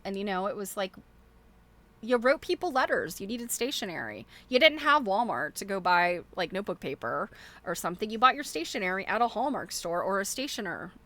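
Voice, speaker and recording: In a very animated, brisk, fairly bright voice of medium pitch, a middle-aged quilting show host chats casually through a show-and-tell. She rambles and chuckles, thinking aloud as she presents things to viewers.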